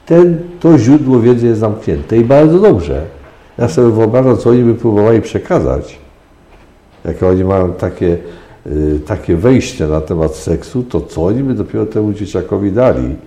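Deep-voiced older man lecturing emphatically. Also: animated, normal speed, mellow, reverberant. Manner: lecturing, emphatic, with frequent hesitations. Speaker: sexologist guest. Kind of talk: radio interview answers.

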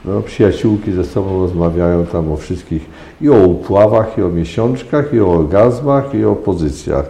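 Deep-voiced older man lecturing emphatically. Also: lively intonation, normal speed, gravelly, dark tone, echoey room. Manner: lecturing, emphatic, with frequent hesitations. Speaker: sexologist guest. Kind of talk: radio interview answers.

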